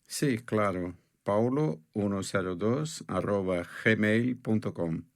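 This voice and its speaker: A deep-voiced young student. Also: male voice, takes it slowly, gravelly, a little hiss or hum. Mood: plain. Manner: short, plain answers. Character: nineteen-year-old Brazilian male student. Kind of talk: scripted textbook audio dialogue.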